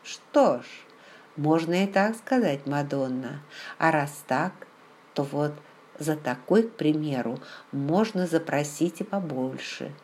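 A woman reading the lines of a sly, amused male apothecary in an audiobook, in a low chuckling, confiding tone. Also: lively intonation, slow, a little mellow, slight background noise. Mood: teasing.

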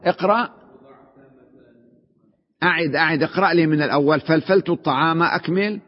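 In this classroom lesson, a sheikh speaks briskly in a fairly high voice while teaching Arabic grammar. He explains with patience and keeps checking that his students understand. The audio has a long reverb tail and its highs are cut off.

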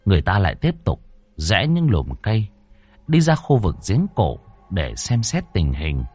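A man narrating a ghost story in a dramatic way, slowing down for suspense. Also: fairly low pitch, darkish tone.

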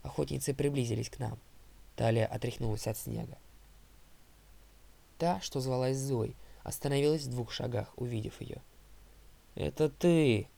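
A male audiobook narrator telling the story in a steady first-person voice. His tone is gravelly and creaky. The pitch sits in the middle of the male range. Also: moderate pace, pauses often.

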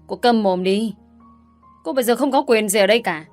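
Vicious angry husband yelling threats, read by a woman, audio story. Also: fairly high pitch, brisk, faint music behind, close to an everyday voice. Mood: furious. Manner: shouting, abusive, threatening. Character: brutal young husband, hot-tempered man.

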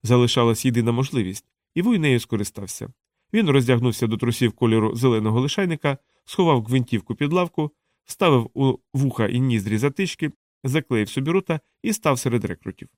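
Measured male audiobook narrator, dry sound. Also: mid-range voice, no room sound. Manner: measured, steady reading. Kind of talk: scripted narration.

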